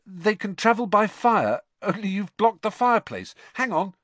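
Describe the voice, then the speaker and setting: A man's voice: high-pitched, sing-song, normal speed, a bit bright, dry recording, pitched above the performer's own voice. Man voicing an earnest teenage boy. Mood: explaining. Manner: urgent, explaining.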